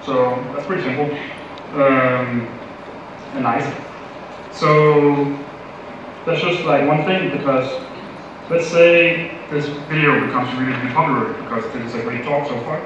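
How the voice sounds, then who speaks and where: A young Danish man gives a casual, playful tech conference talk in a large conference hall, using lots of fillers. His voice is medium-pitched and steady, with a measured pace and frequent pauses. The audio is noisy, dull, and lo-fi, picked up from far away in the echoey hall.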